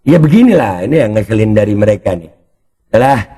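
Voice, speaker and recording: A man's voice: on the low side, big pitch swings, brisk, dark tone, breathy edge. A man hosting a commentary channel, mocking and taunting someone he is reacting to. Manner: taunting, exclamatory, addresses opponent directly.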